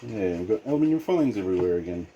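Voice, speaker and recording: Australian man, laid-back tradie vlogger, low-pitched, casual workshop talk, slight background noise and clicks. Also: lively intonation, rapid-fire, muffled recording. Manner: laid-back Aussie tradesman, muttering to himself as he works. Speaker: vlogger doing a DIY hardware modification. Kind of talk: casual hands-on workshop commentary. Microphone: handheld camera.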